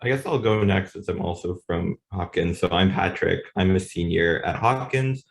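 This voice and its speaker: A man's voice: deep voice, normal speed, gravelly. A man in his twenties, a student panelist on a video call, speaking steadily and upbeat. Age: 20s.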